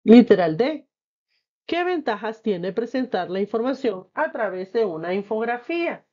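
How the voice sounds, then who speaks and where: A woman teacher reading and explaining a textbook lesson, patient and clear. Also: a little high, very animated, normal speed, mellow, dull audio.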